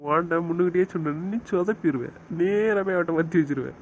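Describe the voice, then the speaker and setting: A man's voice: a little high, quick pace, muffled recording, slight background noise. A young man playing a father in a homemade drama, cooing and coaxing his baby daughter. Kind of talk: amateur web drama acting.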